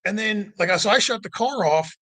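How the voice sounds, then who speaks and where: Expressive and high-pitched, this male podcast guest talks fairly quickly in a pushed, bright voice. He rambles through a long road-trip story in casual chat, using "like" heavily and acting out quoted dialogue.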